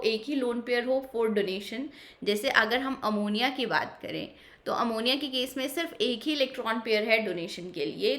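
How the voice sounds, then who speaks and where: Bright-voiced woman teaching chemistry. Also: on the high side. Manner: patient, repeats key points, asks and answers own questions. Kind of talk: explanatory online lecture.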